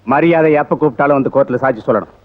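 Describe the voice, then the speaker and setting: A man's voice: medium pitch, rapid-fire, natural voice. Man playing a bullying village cop. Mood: domineering. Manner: taunting, domineering, shouting threats. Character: arrogant bullying male village police officer. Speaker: police officer. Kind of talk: 1980s Tamil film drama. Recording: tinny old film soundtrack with music.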